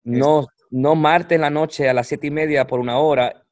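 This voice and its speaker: Preacher, dry close sound. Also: male voice, fairly high pitch, fairly even intonation, dry recording. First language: English. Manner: halting, searching for words, repeating for emphasis. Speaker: pastor, guest. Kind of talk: conversational preaching on scripture.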